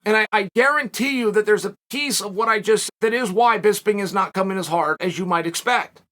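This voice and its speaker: A man in his forties hosts a solo commentary show from a dark studio set, speculating and spinning stories in an animated, emphatic manner. His voice is high and his delivery brisk.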